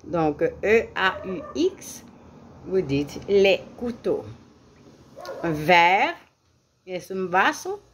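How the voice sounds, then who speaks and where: A woman leads a French lesson at a slow, careful pace, saying each word twice so learners can follow. Her voice sits a little low but moves up and down a lot, and she slips English glosses in between the French. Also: very animated, a little hiss or hum. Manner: slow, deliberate repetition of words for learners. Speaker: French teacher. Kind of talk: classroom lesson.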